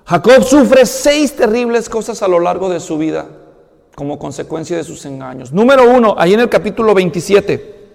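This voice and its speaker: A man preaching a sermon as a pastor, telling a Bible story with lively, animated delivery. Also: sits high, moderate pace, creaky, big-room sound. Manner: animated storytelling, acting out biblical characters with big swings in volume.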